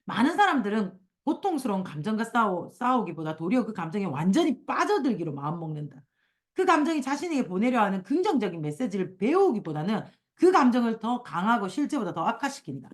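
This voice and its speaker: A woman's voice: medium pitch, fairly quick. A woman hosting a casual book discussion, reading passages aloud and acting out quoted complaints. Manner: animated, acts out quoted complaints in a raised voice. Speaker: book club host.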